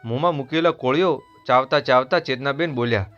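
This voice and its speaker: A man with a Gujarati accent narrating a family story in a steady, earnest scripted read. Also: mid-range voice, fast. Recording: dull lo-fi voice over soft music.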